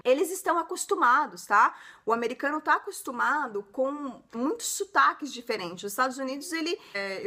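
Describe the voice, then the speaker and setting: A woman teaches in a chatty, encouraging video lesson to camera. Her voice sits high and sounds bright and crisp. She keeps checking in with her audience through short tag questions. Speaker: English teacher and channel host.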